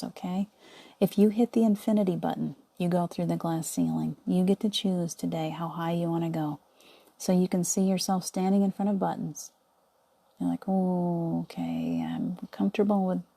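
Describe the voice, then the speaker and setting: The guide here is a middle-aged woman whose gravelly voice sits on the low side. She talks listeners through a visualization meditation in a calming, coaxing manner, regularly softening to a whisper.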